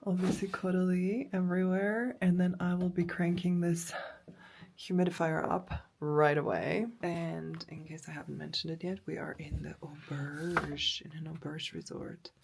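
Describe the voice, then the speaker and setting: A woman chatting casually in a beauty vlog, gushing and excitable, often dropping to a whisper and a bit out of breath, recorded in a hotel room. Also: lowish voice, normal speed, vocal fry, background noise. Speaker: beauty vlogger.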